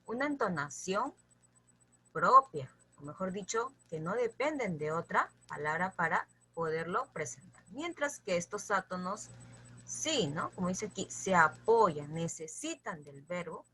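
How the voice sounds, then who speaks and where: Slow, lively-pitched woman teacher. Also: slight background noise. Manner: patient, addresses students directly with frequent check-ins; repeats lists slowly for memorizing. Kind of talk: grammar lesson explanation.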